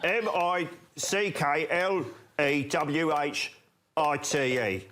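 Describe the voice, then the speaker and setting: A man's voice: fairly high pitch, takes it slowly. A man trading comic banter as a contestant on a panel show. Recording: loud crowd and noise.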